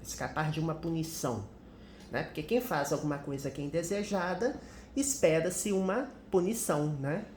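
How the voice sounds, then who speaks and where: A man's voice: fairly high pitch, moderate pace, a little mellow. A Brazilian man teaching an English grammar lesson, explaining example sentences patiently and often checking in with "né?". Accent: Brazilian Portuguese. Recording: roomy echo with faint background noise.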